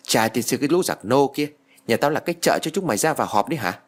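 A man's voice: sing-song, slightly rough. A man voicing a foul-mouthed old village woman who scolds and curses. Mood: furious. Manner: shrill, scolding, cursing rapidly.

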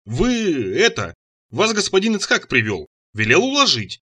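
A slow-witted, easily frightened servant, voiced by a male reader in an audiobook. His speech is plain and hesitant, and his tone stays bright and lively. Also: sits high, husky, pitched above the performer's own voice, full character voice. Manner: simple, hesitant, fearful speech. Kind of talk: audiobook character voice.

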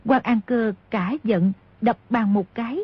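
A woman narrating a martial-arts novel in a steady storytelling voice. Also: fairly high pitch, a little slow, husky. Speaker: audiobook narrator. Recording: dull lo-fi audio.

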